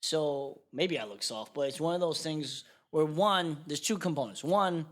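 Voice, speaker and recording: Animated, foul-mouthed male comedian storyteller. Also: a little high, normal speed. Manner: animated, swears freely, jumps to yelling when acting out quotes. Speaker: guest comedian. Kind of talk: casual storytelling. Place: podcast studio.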